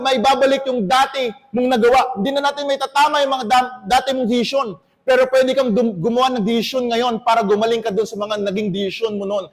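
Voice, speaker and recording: A Filipino pastor with a notably high voice preaches to his congregation. He moves back and forth between Tagalog and English. His words trail off in the long reverb of a church hall. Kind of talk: sermon.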